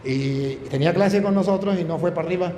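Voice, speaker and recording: A middle-aged man, a priest telling a story in an animated, emphatic sermon. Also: high voice, brisk. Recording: echoey hall, faint noise.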